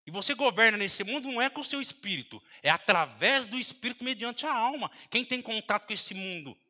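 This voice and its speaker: A man with a Brazilian Portuguese accent preaching a sermon in a large church hall, breaking into sudden shouts between softer asides. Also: sits high, lively intonation, a little fast. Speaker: pastor. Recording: long hall reverb.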